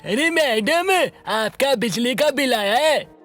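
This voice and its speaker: A bill delivery man with a strikingly high voice, polite yet indignant in a cartoon story. Soft music runs underneath. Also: lively intonation, slow, heavily acted. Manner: defensive, indignant. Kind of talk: animated story dubbing.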